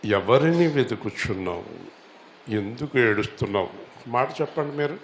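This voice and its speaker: Male pastor, mid-pitched voice, preaching in a roomy church hall with faint ambience behind. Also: expressive, moderate pace, slight background noise. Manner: asks the congregation questions and has them repeat lines; rising to loud, high exhortation. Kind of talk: Telugu church sermon.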